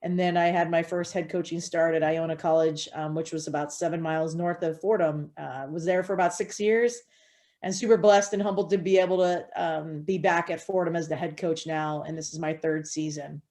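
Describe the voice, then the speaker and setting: A woman coach from Hawaii speaks in a fairly low voice. She answers interview questions earnestly and steadily, with plenty of ums and uhs. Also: moderate pace. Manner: earnest, steady, with frequent fillers. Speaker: head softball coach.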